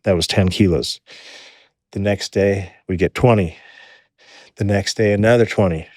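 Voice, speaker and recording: A man in his forties tells his story as a podcast guest in a low voice, recorded close and dry. He is animated and swears freely. He often repeats words as he gets going. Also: moderate pace, no room sound. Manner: animated, profane, repeats words when excited. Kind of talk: casual storytelling.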